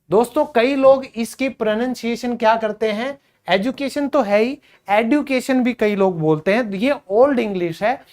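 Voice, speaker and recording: Male English teacher, beginner drills, unhurried word-by-word delivery, talks to students as friends. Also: high-pitched. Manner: drills each word by repeating it slowly; addresses learners as friends. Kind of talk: spoken English lesson for beginners.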